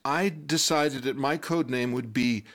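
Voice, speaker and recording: Speaking to an audience over background music, an older man shares a personal anecdote in a lively way, performing the quoted lines and laughing as he goes. His mid-range voice takes its time.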